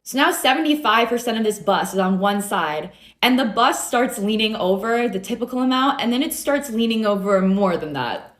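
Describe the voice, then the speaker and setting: A woman's voice: a little high, expressive, normal speed, few pauses, a bit bright. A young woman from the United States telling a school story in a chatty, wry way. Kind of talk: casual storytime. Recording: roomy echo.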